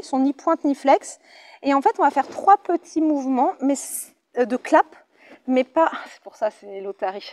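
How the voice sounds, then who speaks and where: A woman's voice: high-pitched, a little mellow, no room sound, clean studio sound. A French woman with a French accent leading a Pilates class, cheerful and chatty, counting out the reps. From France. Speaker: Pilates instructor. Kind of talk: guided exercise class.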